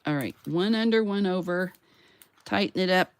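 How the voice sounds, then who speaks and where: In a fairly low voice at a moderate pace, with a faint hiss or hum in the audio, a woman hosts a laid-back crafting tutorial on her channel. She talks to herself and to viewers as she goes, sprinkling in playful sound words and little bits of self-encouragement.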